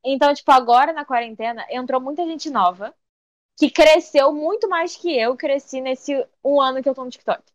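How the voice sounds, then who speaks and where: A young social media creator with a high-pitched voice chats casually as an interview guest at normal speed, animatedly telling stories and acting out the voices of people she quotes, often saying "tipo." The audio is lo-fi with no room sound.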